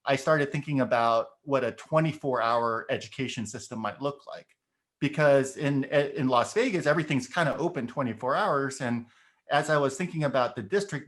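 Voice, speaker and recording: On an education podcast, a middle-aged guest who learned Korean first explains concepts thoughtfully and casually, leaning on examples and a frequent "right?" to check in. His voice runs a little high with a fairly bright tone.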